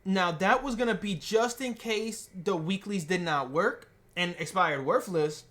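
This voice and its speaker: A man's voice: high voice, a little slow, a bit bright. Casual young man chewing gum. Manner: casual, rambling, with frequent restarts and fillers; chewing gum while talking. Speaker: trading channel host. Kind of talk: casual screen-share trade breakdown.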